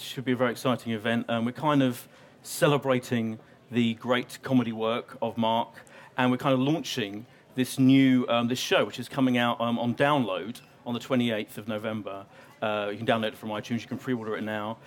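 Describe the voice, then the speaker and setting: A man's voice: mid-range voice, fairly even intonation, normal speed. A man moderating a live event, hesitant with lots of "um"s and restarts. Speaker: guest moderator. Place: in front of a live audience in a store.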